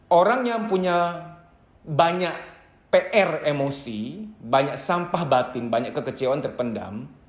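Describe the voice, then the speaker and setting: A man's voice: fairly high pitch, reverberant. A man giving a psychology lecture, emphatic and instructive, speaking directly to his listeners. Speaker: psychology trainer. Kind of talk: lecture to camera.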